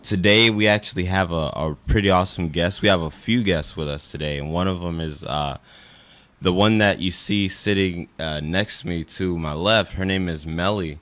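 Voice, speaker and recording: A man's voice: sits low, normal speed, fairly bright tone, no echo. A young man hosting a casual radio talk show from a studio, rambling with lots of fillers. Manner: rambling, friendly, many fillers.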